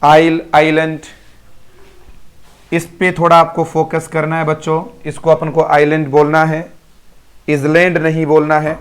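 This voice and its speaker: Even-toned man drilling pronunciation. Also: fairly high pitch, moderate pace. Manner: drills pronunciation by repeating words; praises students by name. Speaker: English teacher. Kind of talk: live online class.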